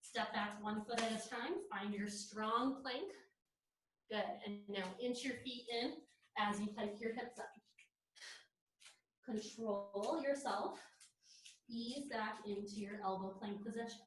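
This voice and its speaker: A woman leading a yoga class with soothing, encouraging, unhurried cues, recorded in an echoey room. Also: on the high side, steady tone, a little hiss or hum. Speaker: fitness and yoga instructor. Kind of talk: guided workout class, spoken cues. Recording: very echoey room, distant microphone.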